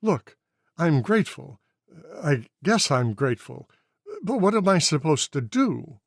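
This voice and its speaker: A man's voice: fairly high pitch, sing-song, measured pace, creaky, no room sound, studio quality, pitched above the performer's own voice, heavily acted. A man doing Cassidy, a stammering lost pilot. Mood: unsure. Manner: hesitant, stammering. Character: confused young male wartime pilot, hesitant.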